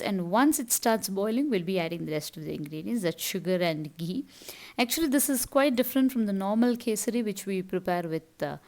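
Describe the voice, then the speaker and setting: A middle-aged woman from South India with a Tamil accent, casually narrating her cooking and chores step by step as a home vlogger. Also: medium pitch. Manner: explanatory, step-by-step.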